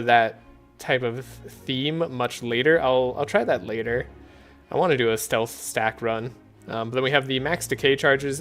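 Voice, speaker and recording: A man streaming a card game, talking in a soft, relaxed, sleepy way with frequent chuckles. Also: medium pitch. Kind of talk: relaxed gameplay commentary.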